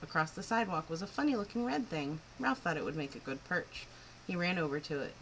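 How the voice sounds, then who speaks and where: A woman with a fairly low, fairly quick voice reads a picture book aloud to children over a noisy background. Her narration is animated and expressive, clearly phrased, with emphatic swoops.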